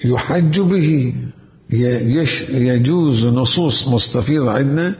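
A man's voice: mid-range voice, takes it slowly, a little mellow. A man giving an Islamic jurisprudence lecture, asking rhetorical questions and repeating key words for emphasis. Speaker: seminary teacher. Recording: echoey hall, dull lo-fi sound.

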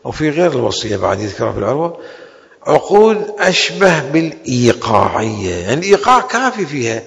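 A man teaching a seminary law lecture. He stretches out key terms slowly and then rushes through quick asides. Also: mid-range voice, sing-song, vocal fry, fairly bright tone. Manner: slow, drawn-out stresses on key terms with sudden quick asides. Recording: long hall reverb.

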